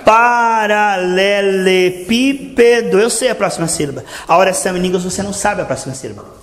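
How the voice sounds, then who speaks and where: A man's voice: sits high, animated, rapid-fire. A man preaching a sermon, earnest and exhorting, repeatedly addressing his listeners as brothers and stretching out words for emphasis. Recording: echoey room with faint ambient noise.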